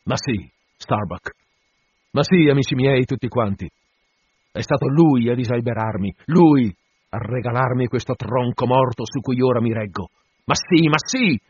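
A man voicing a fierce, obsessed whaling captain in an audiobook, commanding and tormented, declaiming forcefully to his crew. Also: mid-range voice, moderate pace, slightly rough, no room sound, lo-fi sound, close to an everyday voice. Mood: anguished rage. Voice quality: forceful shouting delivery. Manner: grandiose, exclamatory, rallying his crew.

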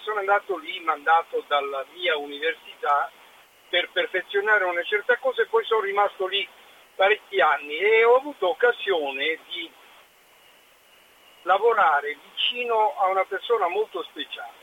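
A man phoning in to a radio show on speakerphone, telling a lively anecdote in a chatty way. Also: high-pitched, a little hiss or hum. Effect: on speakerphone over a phone line. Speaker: caller. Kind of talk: phone-in chat, telling an anecdote. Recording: dull phone line, speakerphone.

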